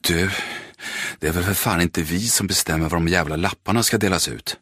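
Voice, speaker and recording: A man reading an audiobook voices a frightened, angry young teenage boy who shouts urgently. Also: deep voice, husky, no room sound, studio quality.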